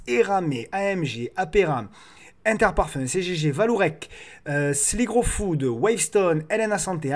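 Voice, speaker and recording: A man hosting a casual market commentary video, repeating words as he feels his way through his phrasing. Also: a little high. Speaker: host of a stock market analysis show.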